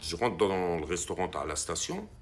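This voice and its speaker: A man a gravelly, creaky voice flecked spins a long personal anecdote. He talks in a loose, conversational way and throws his voice high and loud whenever he imitates the people in the story. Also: moderate pace, slight background noise. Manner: animated, acts out quoted voices with big pitch jumps. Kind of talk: casual spoken anecdote.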